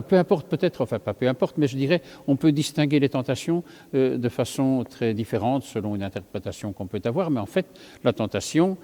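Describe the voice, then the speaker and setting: Male priest, mellow tone, halting homily full of "euh", long church reverb. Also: mid-range voice. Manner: thoughtful, many fillers and self-corrections. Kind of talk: sermon.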